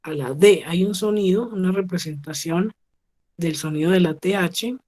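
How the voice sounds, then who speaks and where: A woman teaching an English lesson over a video call, with a voice a touch lower than most. She talks patiently and stops often to check that the class is following. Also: normal speed, mellow. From Colombia. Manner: patient, checks understanding with frequent "¿sí?". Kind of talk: online class explaining pronunciation.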